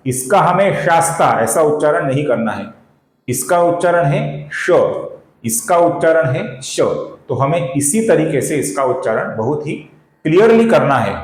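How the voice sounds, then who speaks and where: A man leads a recitation lesson, chanting sacred verses slowly and deliberately and speaking to his viewers as friends. His voice sits a little high. The room around him is echoey. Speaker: teacher of Sanskrit chanting. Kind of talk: recitation tutorial.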